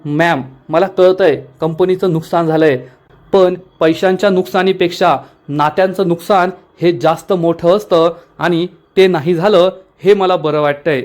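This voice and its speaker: An earnest young working woman who defends herself, voiced by a man in a retelling. The voice sits high and pleads. She is read plainly, like in a recounted TV serial. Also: steady tone, unhurried, darkish tone, close to an everyday voice. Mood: earnest upset. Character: young woman employee, principled and upset.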